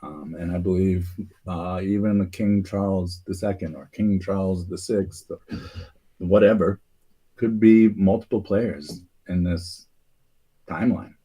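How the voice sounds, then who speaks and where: A man with a low, husky voice talks casually as host. He rambles, restarting sentences and filling pauses with "um" and "uh". His tone stays mellow and dark throughout. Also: steady tone. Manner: rambling, hesitant, many fillers and restarts. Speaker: podcast host. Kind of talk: casual conspiracy talk.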